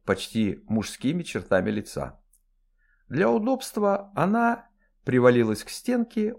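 A man narrating an audiobook in a lively, expressive reading voice. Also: mid-range voice.

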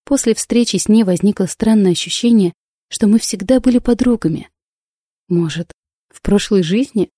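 A woman reading a first-person audiobook in a calm, measured storytelling voice. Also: medium pitch, breathy edge, no room sound, studio quality. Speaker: audiobook narrator.

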